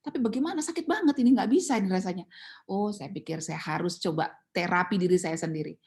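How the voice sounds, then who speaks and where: A woman's voice: medium pitch, fast talker. A middle-aged woman giving a Bible study talk, telling a personal story with many fillers and acting out her tearful prayers. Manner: animated storytelling, acts out crying and pleading; many fillers and self-corrections. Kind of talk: sermon with personal testimony.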